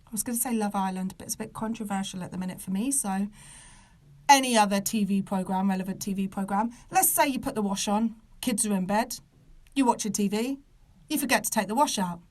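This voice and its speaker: A British woman of about thirty with soft R sounds, ranting casually and comically to a live online audience in an exasperated, emphatic, sweary manner. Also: mid-range voice, a little fast. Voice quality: soft, non-rolled R sounds. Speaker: podcast host.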